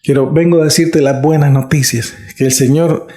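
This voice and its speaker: Middle-aged pastor in an echoey hall. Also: male voice, on the high side, steady tone, normal speed, dark tone. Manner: earnest and conversational, stops often to ask. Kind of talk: sermon. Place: church. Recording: echoey church room.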